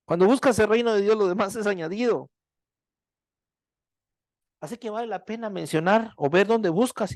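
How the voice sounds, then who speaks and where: A preacher in full sermon mode, pelting the congregation with rhetorical questions and checking in with a steady "right?". The voice sits at a middling pitch and swings between strong lines and hushed, drawn-out ones. It is recorded close and dry, with no room sound around it. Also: no echo. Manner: checks in with repeated "¿verdad?"; loudness swings widely, dropping to hushed lines.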